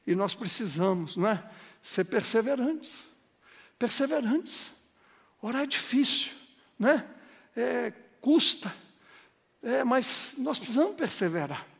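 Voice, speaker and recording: A man's voice: extremely high pitch, fairly bright tone. A man preaching a sermon as pastor, building to emphatic, emotional passages and acting out conversations with churchgoers. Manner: acts out dialogues with congregants. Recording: long hall reverb.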